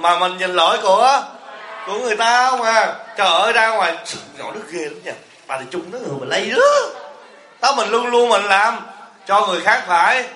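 Man, monk preaching, high voice, echoey hall, teasing rhetorical questions. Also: sharp tone. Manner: asks the audience rhetorical questions, jokes and teases. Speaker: Buddhist monk teacher. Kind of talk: humorous sermon.

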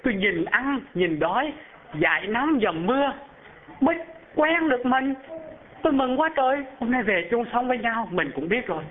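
A man's voice: very high-pitched, lively intonation, normal speed, voice pushed up. A man voicing a dying old husband who pleads and laments with his wives, heard over a phone-like narrow band. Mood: pleading.

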